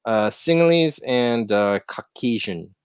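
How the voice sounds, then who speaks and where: A young American man hosts a casual chat livestream from a rented room at home, rambling in an easygoing, slangy way. His medium-pitched voice is expressive, slow, clear and resonant. The sound is clean, studio-like, with no room sound.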